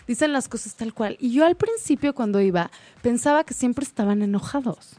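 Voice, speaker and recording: Lively woman, higher voice. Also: fairly quick, no echo. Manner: animated, acts out quoted dialogue. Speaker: co-host. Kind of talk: casual chat.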